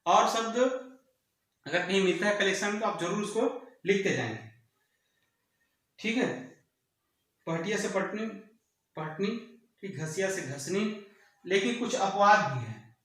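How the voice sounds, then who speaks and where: A man's voice: high-pitched, expressive, unhurried, long pauses, fairly bright tone. A man from teaching an exam-prep grammar lesson, repeating words and quizzing his students. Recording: very echoey room, voice far from mic.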